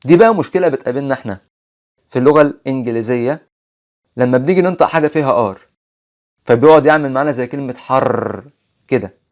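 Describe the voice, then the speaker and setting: A man's voice: medium pitch, a little mellow. Egyptian man teaching English sounds. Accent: Egyptian Arabic. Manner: patient, repeats example words slowly. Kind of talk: phonics lesson.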